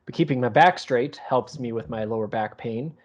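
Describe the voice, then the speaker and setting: A man's voice: mid-range voice, normal speed. A man co-hosting a podcast in casual chat, rambling with many restarts and some teasing. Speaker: podcast co-host. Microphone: remote call setup.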